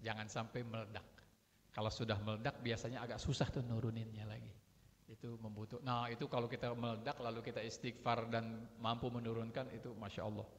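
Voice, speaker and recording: A man's voice: mid-range voice, little pitch movement, fairly quick. A man preaching in an echoing hall. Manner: conversational, acts out everyday quarrels. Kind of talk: religious sermon. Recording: long hall reverb.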